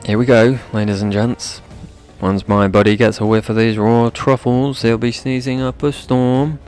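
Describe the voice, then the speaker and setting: A man's voice: medium pitch, little pitch movement, normal speed, darkish tone, soft background music, lightly acted. A man voicing a bombastic old arena announcer in a video game, with a grandiose, theatrical showman's delivery. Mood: excited commentary. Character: bombastic old male arena announcer, gleefully promoting bloodsport. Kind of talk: video game dialogue read aloud.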